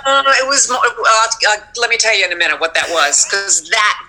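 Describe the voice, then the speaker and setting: A woman's voice: mid-range voice, fairly quick, soft background music, poor audio. A woman, a stage actress, telling anecdotes in an interview and acting out the voices of people she quotes. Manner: animated storytelling, acts out quotes.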